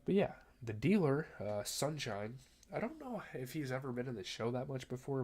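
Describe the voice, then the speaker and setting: A man's voice: mid-range voice, a little mellow. A young man, a little under the weather, recapping a TV episode in a loose, chatty way with lots of fillers, reading plot summary and then riffing on it. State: a little sick. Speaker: TV show reviewer.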